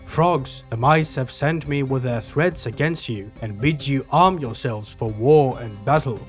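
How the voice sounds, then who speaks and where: A stern mouse herald delivering a formal challenge in an old storybook epic, read aloud by a man. His pitch is an ordinary middle one, with soft music behind. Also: measured pace, natural voice.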